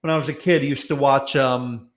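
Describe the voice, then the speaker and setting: A man with a mid-range voice speaks at a moderate pace in a steady tone. Appearing as a guest on a talk show, he chats casually and comedically in a panel setting, often stammering and repeating words.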